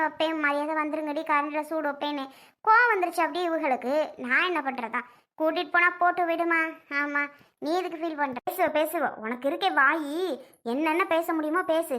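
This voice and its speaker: A woman voicing a sharp-tongued young mother who defends herself in a family skit. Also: sits high, a little fast. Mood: defensive. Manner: defensive and complaining.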